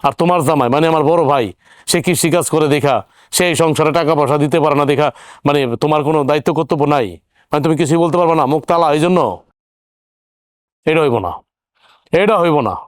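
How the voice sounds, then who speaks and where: A smooth, fairly high male voice plays a hot-headed younger son, acted by a man in a TV family drama. He argues and fires off indignant questions. The sound is close and dry. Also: fast talker, long pauses, no room sound, lightly acted. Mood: arguing. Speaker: younger brother-in-law. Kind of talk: TV drama acting.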